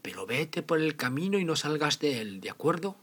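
A man's voice: on the high side, very animated, moderate pace, fairly bright tone, husky, pitched above the performer's own voice, full character voice. A man voicing a caring mother in a storybook tale, coaxing yet firm as she instructs her child.

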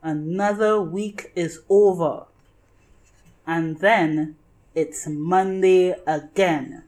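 Very slow-paced woman reading a children's storybook. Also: on the low side, fairly even intonation, darkish tone. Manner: deliberate, simple phrasing for young children. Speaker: storybook reader. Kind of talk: scripted children's picture-book narration.

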